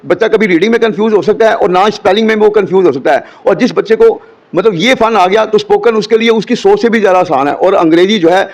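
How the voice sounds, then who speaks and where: A man's voice: high voice, a little mellow, dull audio. Earnest male English teacher. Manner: earnest, drills English examples slowly and clearly. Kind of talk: explaining English to a host.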